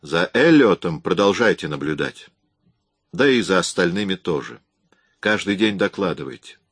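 A cold, powerful boss who gives terse, commanding questions and orders, read by a man. His voice is low and dark, and the recording is dry and close. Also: expressive, moderate pace, breathy edge, no echo, heavily acted. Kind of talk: audiobook reading.

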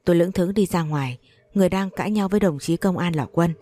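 A woman reading a first-person story aloud in an even, unhurried narrating manner. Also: on the low side. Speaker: audiobook narrator.

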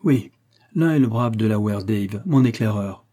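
A man's voice: on the low side, animated, unhurried, warm tone. A man voicing a grateful, commanding army major in a storybook reading, speaking formally and courteously.

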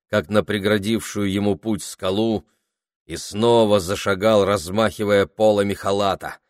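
A man narrating a novel as an audiobook in a measured, even storytelling manner. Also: deep voice, no room sound, studio quality.

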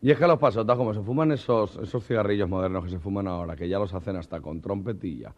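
A man's voice: deep voice, quick pace, some chatter behind. Man telling jokes on an old cassette. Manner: chatty, lively storyteller. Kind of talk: joke telling. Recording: dull old cassette tape.

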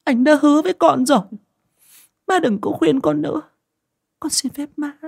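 A man voicing a lovesick young village woman, pleading in a high, tearful voice. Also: normal speed, creaky, a little mellow, dry recording, clean studio sound. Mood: determined. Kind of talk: audiobook character voice.

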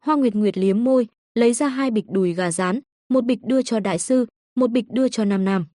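A woman narrating an audio novel in a steady, even storytelling manner. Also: a little high, fairly quick, no room sound, clean studio sound.

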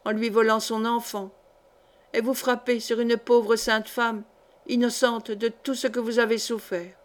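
A proud, commanding countess, cool and dignified with a reproachful edge, as a woman reads her aloud. The voice sits fairly high and measured. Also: flat delivery, lightly acted. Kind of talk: audiobook character reading.

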